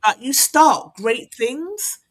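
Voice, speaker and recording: A woman hosting a casual live chat, telling stories in an animated, encouraging way. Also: high-pitched, takes it slowly. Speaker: host.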